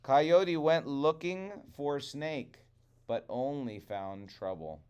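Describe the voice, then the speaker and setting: A man telling a trickster tale as a storyteller, with deliberate, dramatic phrasing. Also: mid-range voice, a little mellow, clear, resonant tone.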